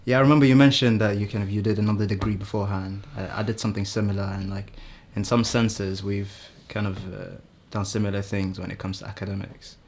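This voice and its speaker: A young man in his twenties from Sweden, a guest talking in a halting, easygoing way with many restarts. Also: fairly low pitch, little pitch movement, darkish tone. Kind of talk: casual chat.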